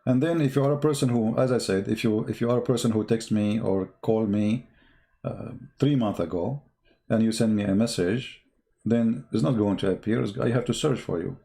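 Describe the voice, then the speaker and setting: This Arabic-accented livestreamer, a religious polemicist, has a gravelly, lowish voice with a warm tone. He answers chat comments casually in a monologue, his halting non-native English coming across as blunt and combative.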